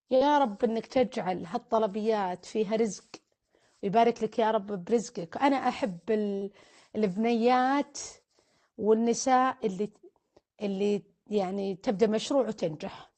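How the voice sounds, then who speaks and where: Female family counselor, a bit high-pitched, chatting casually on a live stream. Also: a little mellow. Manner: chatty, teasing, offers blessings and prayers. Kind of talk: casual live-stream chat reading viewer comments.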